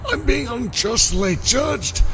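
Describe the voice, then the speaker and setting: A scared, whiny male commoner stammers and pleads. His voice is very high and swoops all over. He talks slowly over clear background noise. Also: lively intonation, exaggerated voice. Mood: pleading scared. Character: whiny, panicky poor male citizen, easily scared.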